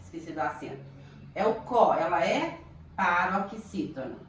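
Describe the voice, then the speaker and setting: This Brazilian teacher's voice is on the low side and expressive, with a Brazilian Portuguese accent. She leads a primary school grammar lesson slowly and deliberately, elongating words to bring out their syllables, and sounds distant in a very echoey room with faint ambient noise.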